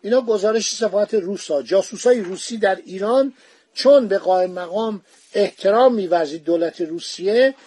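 A man's voice: high-pitched, a little mellow, no room sound. A man hosting a history podcast, telling the story in a conversational, digressive way with frequent fillers.

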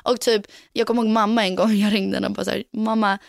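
A woman's voice: medium pitch, creaky, no room sound, studio quality. A young woman co-hosting a casual chat, telling frank stories, swearing freely and switching between Swedish and English mid-sentence. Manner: animated storyteller who acts out her own quotes. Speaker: podcast co-host.

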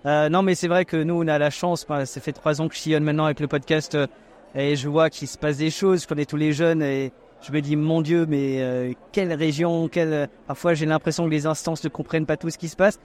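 A man's voice: fairly high pitch, fairly even intonation, a little fast, darkish tone. A man hosting a podcast, chatting and teasing guests in casual interviews at an outdoor wine tasting. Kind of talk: casual vox-pop interview.

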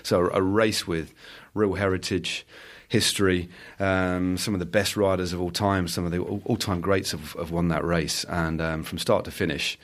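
A man's voice: low-pitched, steady tone, normal speed, hardly any pauses. A man who works as a cycling commentator, a guest in a casual podcast chat, talking in a chatty, enthusiastic way.

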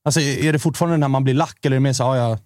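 Male podcast host, mid pitch, dry sound, guides the talk. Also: darkish tone, dry recording. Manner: steers the talk with questions. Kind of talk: casual podcast chat.

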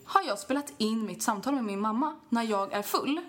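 A young woman co-hosting a casual podcast, telling an animated story, acting out quotes, laughing often and swearing freely. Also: fairly high pitch. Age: young adult. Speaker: podcast co-host.

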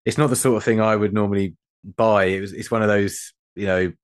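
A British man with a very low voice, co-hosting a casual podcast. He rambles, restarts his sentences and jokes at his own expense. The sound is dry and close. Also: steady tone, brisk, clean tone, dry recording. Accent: British English. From England. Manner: rambling and self-deprecating, with repeated restarts. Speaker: podcast co-host. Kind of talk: casual chat.

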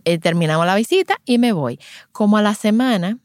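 A lactation consultant sharing a story from a home visit, animated and acting out the people in it, reassuring as she gives advice. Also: medium pitch, a little fast, no echo, studio quality. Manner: animated, acts out each voice in the anecdote. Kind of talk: personal storytelling.

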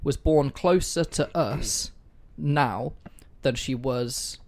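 Slow and mid-pitched, a podcast host chats about history in a relaxed way from a home room with pets and food on the table. He pokes fun at himself, lets the occasional swear word slip, and his microphone sounds cheap.

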